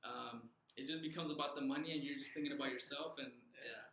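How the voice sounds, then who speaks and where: Young male interviewee, earnest, halting with fillers, bright voice, echoey room. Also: mid-range voice, slight background noise. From Southern California. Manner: earnest, many fillers and restarts. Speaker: loan officer guest. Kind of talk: casual interview.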